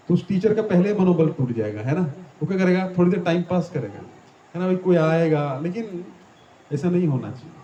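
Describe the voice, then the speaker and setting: This devotional teacher has a fairly high-pitched, warm voice, captured in a muffled recording with slight background noise. Addressing a gathering in a small temple hall, he walks through ideas step by step, questions his listeners, and frequently ends lines with "है ना".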